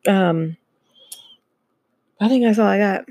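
A woman's voice: medium pitch, slow, a little mellow, no room sound. A woman hosting her own podcast, talking casually and laughing often between many fillers. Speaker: podcast host. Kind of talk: casual solo podcast chat.

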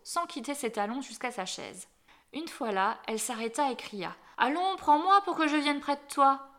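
A woman with a medium-pitched voice reads a fairy tale aloud as the storyteller. Her delivery is gentle, and her voice drops softly at the close of each phrase.

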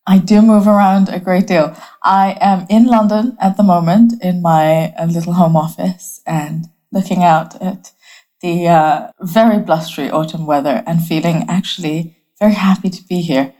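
A woman's voice: lowish voice, steady tone, normal speed, dark tone. A woman from Bangladesh, an advertising strategist, talking as a guest in an interview from her home office. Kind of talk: conversational interview.

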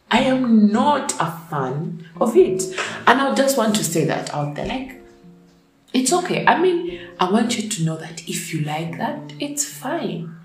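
A woman's voice: medium pitch, roomy sound, rough recording. A young woman who is sick and whose voice is off rants bluntly and profanely in a casual opinion vlog. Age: young adult. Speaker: vlogger.

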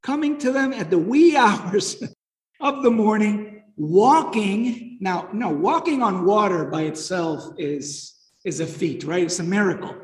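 A man's voice: sits high, lively intonation, unhurried. A man teaching a Bible lesson in a conversational way, often asking listeners questions and retelling the story with energy. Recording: echoey hall.

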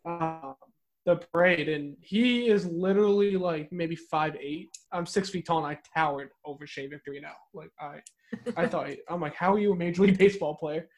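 A man's voice: a little high, moderate pace, faint music behind. A man co-hosting a sports podcast, telling a story in an earnest, hesitant way with many fillers. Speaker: podcast co-host. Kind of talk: casual podcast chat.

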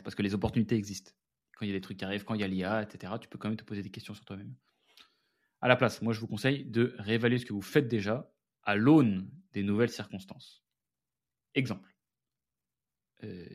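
A French man hosts his own podcast in a candid, chatty monologue. His voice sits low and he talks at a brisk clip. He speaks to listeners as friends, casual and direct. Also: fairly even intonation, darkish tone, slightly rough. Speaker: podcast host and founder.

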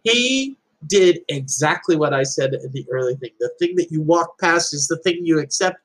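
Earnest husky man telling a personal story. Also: a little high, lively intonation, normal speed, a bit bright, low-quality recording. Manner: earnest, emphatic, repeats key lines. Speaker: speaker addressing a group.

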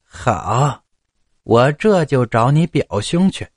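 A man voicing a doting, worried widowed mother near seventy who talks slowly and coaxingly in a told story. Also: medium pitch, lively intonation, no echo, clean studio sound. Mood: eager. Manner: slow, pleading, coaxing.

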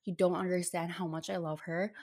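A woman's voice: fairly low pitch, flat delivery, a little fast, a little mellow. A young woman casually telling a personal story in an earnest, emotional way, with lots of fillers. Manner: earnest, emotional, speaks in bursts with many fillers. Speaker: storyteller sharing a health journey.

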